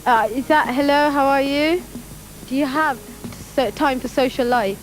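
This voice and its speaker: A woman's voice: high voice, normal speed, slight background noise, poor audio. A woman presenting a TV programme, asking an interviewee plain questions.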